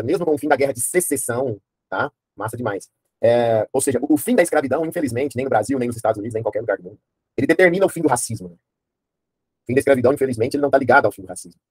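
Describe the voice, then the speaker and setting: A man teaching a history class online in a fast, casual way, often asking his students questions and using slang. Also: mid-range voice, a little mellow, slightly rough, no room sound.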